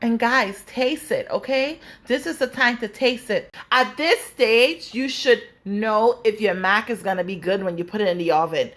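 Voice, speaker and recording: A woman's voice: on the high side, moderate pace, hardly any pauses, fairly bright tone. A woman from the Bahamas hosting a cooking show, chatting through each step of a recipe and calling her viewers "guys".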